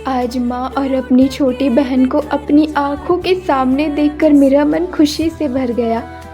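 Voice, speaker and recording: Sad young Champakali, high and mellow. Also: female voice, fairly even intonation, slow, faint music behind. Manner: wistful, sorrowful inner monologue. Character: young woman Champakali, sad and longing, trapped as a flower.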